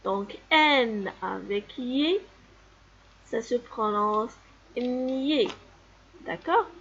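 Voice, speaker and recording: A woman's voice: a little high, lively intonation, gravelly, a bit bright, dull audio, a little hiss or hum. A woman teaching a reading lesson to young children, patiently repeating each sound and word. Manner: slow, patient, repeats sounds and words for pupils. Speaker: primary school teacher.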